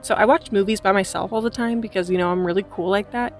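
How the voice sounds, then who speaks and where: A woman's voice: mid-range voice, fast talker, soft background music. A giggly, tipsy-sounding woman rambling casually and animatedly as she gives a chatty review to camera. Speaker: movie reviewer hosting a vlog.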